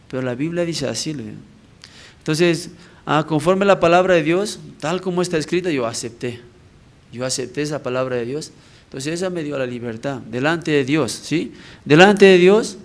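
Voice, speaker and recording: At a church prayer service, a male evangelist with a medium-pitched voice gives his personal testimony. He talks conversationally, often checking in with the congregation through short tag questions.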